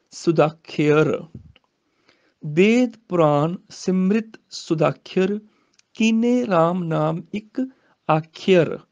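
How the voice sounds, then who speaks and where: A man from Punjab teaches how to pronounce scripture in a high, gravelly voice. He alternates between patient explanation and slow, drawn-out recitation of the verses. The recording sounds dull and lo-fi. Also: darkish tone. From Punjab, India. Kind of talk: pronunciation lesson with slow chanted recitation.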